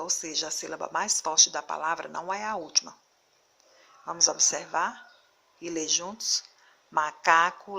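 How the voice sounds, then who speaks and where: A woman teacher giving a recorded video lesson, reading word lists slowly and deliberately and stressing syllables. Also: deep voice, gravelly, pushed and bright.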